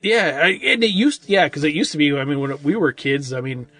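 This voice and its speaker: A man's voice: a little high, animated, brisk, a bit bright. A man co-hosting a casual movie-review podcast, rambling and loose, with lots of "like" and "I mean". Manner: rambling, full of "like" and "I mean", restarts a lot. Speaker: podcast co-host.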